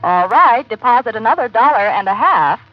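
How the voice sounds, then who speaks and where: An actress playing a courteous long-distance telephone operator in a 1940s radio drama, crisp and routine. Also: female voice, a little high, animated, fairly quick, heavy background noise, natural voice. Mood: businesslike. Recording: dull lo-fi 1940s radio broadcast.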